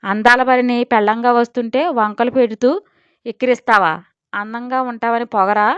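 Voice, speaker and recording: A man's voice: very high voice, fairly even intonation, normal speed, smooth, dry recording. A woman voicing a vain, blustering middle-aged rich father who grumbles and scolds, in a Telugu audio story. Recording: dull lo-fi audio.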